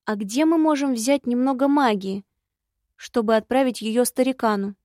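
A woman voicing a spirited young heroine in an audiobook, brisk and insistent. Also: a little high, darkish tone, no echo, studio quality, close to an everyday voice. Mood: pressing.

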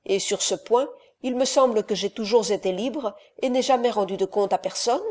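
A woman reading the part of a young son who answers politely and softly, taken by surprise. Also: medium pitch, moderate pace, lightly acted. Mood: polite, surprised. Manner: polite and soft-spoken. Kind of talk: audiobook character reading.

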